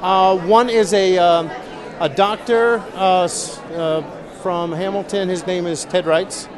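Amid the murmur of a busy crowd in a large convention hall, a forties-aged candidate from Missouri answers an impromptu interview. His voice is fairly high with a steady tone, yet he sounds earnest and halting, repeating words as he stumbles.

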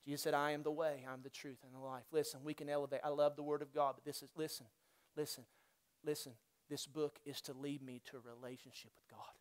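Male pastor, high voice, fervent church sermon with big swings from shouted to hushed. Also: level tone, fast, few pauses. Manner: builds to loud fervent preaching, then drops to soft, near-whispered intensity; repetitive call-and-response exhortation. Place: church sanctuary.

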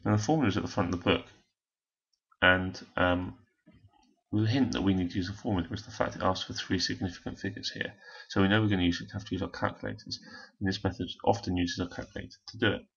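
Hoarse, gravelly-voiced man teaching maths. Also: low voice, fairly even intonation, fast talker, fairly bright tone, lo-fi sound. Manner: step-by-step explaining, talking while working a calculator. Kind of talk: recorded maths lesson walkthrough.

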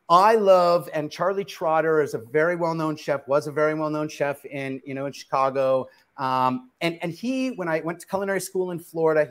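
A middle-aged chef with a fairly high, slightly bright voice leads a live cooking demo. He is preachy and emphatic, firing off questions and answering them himself. A camera records him from across a kitchen studio.

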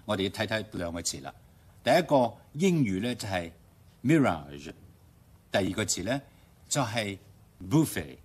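A man with a Hong Kong Cantonese accent teaching English pronunciation on radio, explaining step by step and slowly modeling English words. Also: lowish voice, slightly rough. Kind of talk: radio language lesson. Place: radio studio.

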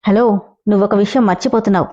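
A woman's voice: mid-range voice, quick pace, mellow, highs cut off, natural voice. Woman reading as a stern young woman lawyer. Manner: firm, questioning.

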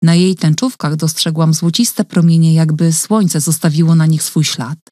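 A woman narrating a novel in the first person, quiet and measured, recorded in a radio studio. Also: low voice, fairly even intonation, no echo. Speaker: audiobook narrator.

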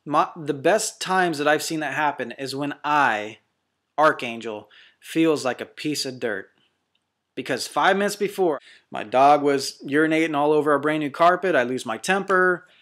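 A man preaching as a deliverance minister in a fervent, blunt monologue, swinging between quick bursts and slow, stressed lines. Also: a little high, lively intonation, fairly bright tone.

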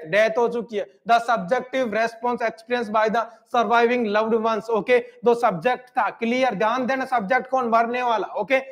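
A male teacher with an Indian accent giving a live exam-prep lecture, repeating points and checking in with "okay" and "clear". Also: extremely high pitch. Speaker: nursing exam coaching teacher.

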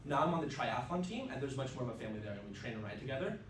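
Racing along and very animated, a young man speaks in a mid-range voice. A native Russian speaker and young adult, he's giving a casual, upbeat student club presentation full of fillers, chatty throughout. A far camera across a mid-sized indoor classroom captures it, making the audio roomy and distant with faint ambient noise.

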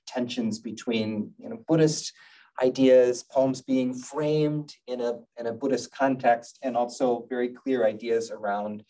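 A middle-aged man giving a lecture over slides on a video call, in a measured, thoughtful way with frequent filler sounds. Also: medium pitch, fairly even intonation, warm tone, recorded from a distance, rough recording. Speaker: lecturer on Buddhist poetry.

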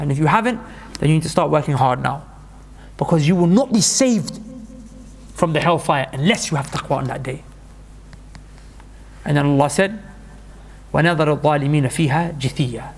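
A man's voice: fairly high pitch, vocal fry, slight background noise. A man giving an urgent, emphatic sermon, repeating points for stress. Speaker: preacher.

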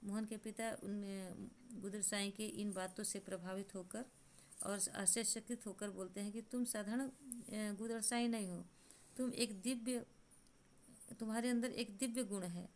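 A woman's voice: medium pitch, steady tone, measured pace, a little mellow, slight background noise. Woman teacher retelling a Hindi story. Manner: retells and paraphrases lines, with many fillers. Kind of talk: explaining a Hindi lesson story.

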